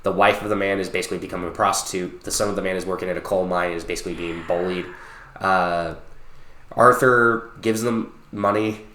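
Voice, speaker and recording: A man in his late twenties co-hosting a podcast, retelling a game story in a casual, animated way and swearing freely. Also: low voice, fairly quick, reverberant, slight background noise. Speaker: podcast co-host. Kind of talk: casual chat.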